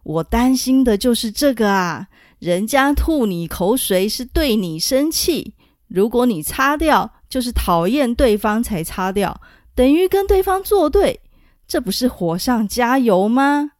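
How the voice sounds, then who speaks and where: A woman voicing an older male court minister who calmly gives cautious counsel in a slow storybook telling. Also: a little high, no echo, studio quality. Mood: cautioning. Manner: calm, measured counsel.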